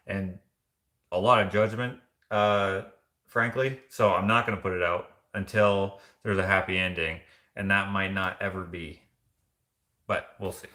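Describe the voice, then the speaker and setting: A man's voice: sits low, steady tone, unhurried, bright, forceful tone, echoey room. A man hosting a casual live vlog, chatting loosely and rambling with many fillers and restarts as he reads viewer comments. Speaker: vlogger.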